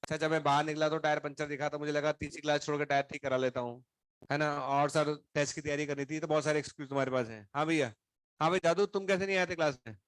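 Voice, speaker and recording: Sarcastic male teacher telling off a class, a bit high voice, dry room sound, feverish. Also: steady tone, fast, smooth, no echo. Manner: stern, sarcastic, questioning students one by one. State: feverish, throat unwell. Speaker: coaching teacher. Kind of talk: scolding a class in a lecture.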